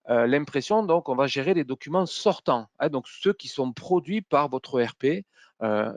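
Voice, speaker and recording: A man's voice: on the high side, dry recording. Man with a Toulouse accent presenting. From Toulouse, south-west France. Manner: hesitant, many fillers and restarts. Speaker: consultant trainer presenting software. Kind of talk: webinar presentation.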